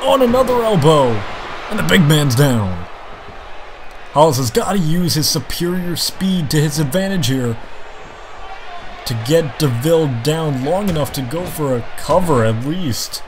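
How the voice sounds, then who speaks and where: A man's voice: on the high side, animated, unhurried, over music. A man giving live play-by-play wrestling commentary in a dramatic, exclamatory way, with emphatic reactions.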